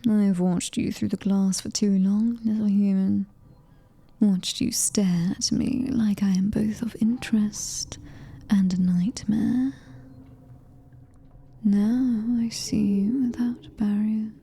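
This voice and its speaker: In a horror ASMR roleplay, a woman with a British accent voices a predatory female alien-human hybrid, speaking very slowly in a dark, soft, medium-pitched voice with a creaky edge and fairly even intonation. She slides into breathy whispers, sounding possessive, seductive, quietly commanding, predatory and gloating. A little hiss or hum can be heard.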